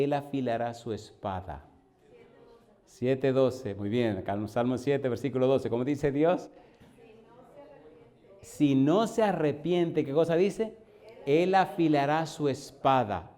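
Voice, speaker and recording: A pastor preaching a sermon, lively, asking the congregation questions and acting out short dialogues. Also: male voice, mid-range voice.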